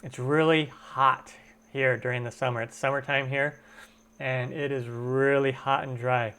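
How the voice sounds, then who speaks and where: Speaking at a measured pace with a steady, mid-range voice that is fairly bright, clear, and resonant, a man hosts a home live stream for his cooking channel. He says hello to viewers and takes questions from chat, all captured on his computer's webcam microphone.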